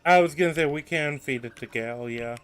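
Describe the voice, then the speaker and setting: Young male co-op gamer, smooth clear voice, a bit higher, easygoing short replies. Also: a little fast. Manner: agreeable, short replies, hesitant. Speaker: gamer co-op player. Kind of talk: casual gameplay chat.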